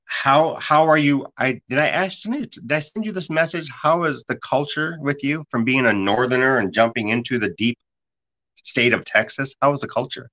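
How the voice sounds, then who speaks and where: A man hosting a casual conversation, telling stories in a rambling, lively way full of restarts. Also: mid-range voice, normal speed. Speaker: podcast host. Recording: dull lo-fi sound.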